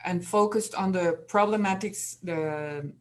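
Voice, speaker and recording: Woman from Mexico, unhurried, hesitant panel speaker. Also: fairly low pitch. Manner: hesitant, many fillers and restarts. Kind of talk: online panel talk.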